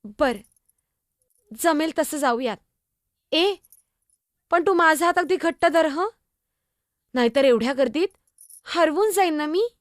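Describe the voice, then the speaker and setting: एका स्त्रीने साकारलेली लहानगी मुक्ताई, अवखळ, गप्पिष्ट, खूप उंच आवाज, एकपात्री नाटक. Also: female voice, sits high, expressive, slow pace, pauses often, dry recording, clean studio sound. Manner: chatty, teasing, innocent, exclamatory. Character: young girl, Muktai, lively younger sister. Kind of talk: solo stage monologue.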